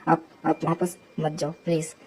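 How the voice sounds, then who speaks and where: A tearful little girl who begs an adult to stay, read by a woman. The voice stays low and mellow with little rise or fall. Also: little pitch movement, normal speed, slightly rough. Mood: pleading. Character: small girl, tearful and clinging.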